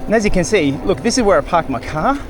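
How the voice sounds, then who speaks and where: Relaxed Australian man vlogging outdoors. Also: high-pitched, fast, slight background noise. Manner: relaxed, chatty, laughs easily. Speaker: cycling vlogger. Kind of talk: casual vlog chat to camera. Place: outdoors by a river. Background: faint outdoor ambience.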